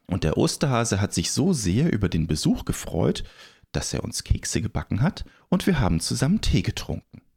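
Animated low-voiced male pirate storyteller. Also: normal speed, gravelly, slightly rough. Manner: animated, theatrical, swinging between whispers and calls. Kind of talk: children's story told as a pirate captain.

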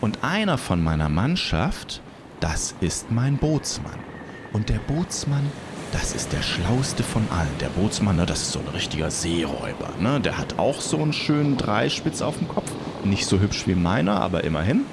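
Animated low-voiced male pirate storyteller. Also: moderate pace, creaky, background noise. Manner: animated, theatrical, swinging between whispers and calls. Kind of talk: children's story told as a pirate captain.

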